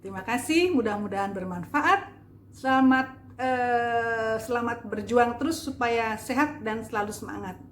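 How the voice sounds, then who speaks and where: A woman's voice: fairly high pitch, moderate pace, a little hiss or hum. A woman giving a casual video lesson on public speaking, chatty and demonstrative, with many fillers. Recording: echoey room with faint ambience.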